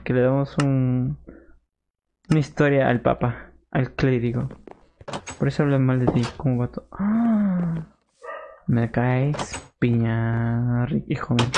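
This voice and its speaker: Guy streaming a game live, talks to chat, freaks out and yelps a lot, mid pitch. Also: background noise. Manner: excitable, yelps and shrieks in panic; chats with live viewers. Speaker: gaming streamer. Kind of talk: live gameplay commentary.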